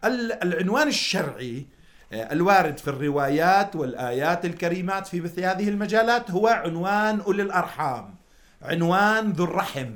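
A man's voice: sits high, animated, fast, a bit bright. A man speaking as a religious scholar on radio, explaining in a didactic way, restating points with examples and hesitations. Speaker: religious scholar, seminary teacher.

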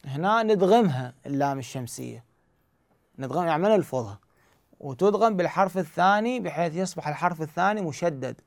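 A man's voice: fairly high pitch, lively intonation, fast talker, dry recording, studio quality. A man with an Iraqi Arabic accent, teaching Quran recitation rules step by step and answering his own questions. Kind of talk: explanatory lesson.

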